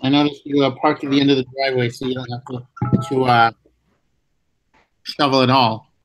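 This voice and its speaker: A man's voice: mid-range voice, little pitch movement, brisk. A man hosting a casual live stream over a video call, talking in an easygoing way with fillers and restarts. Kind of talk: casual chat.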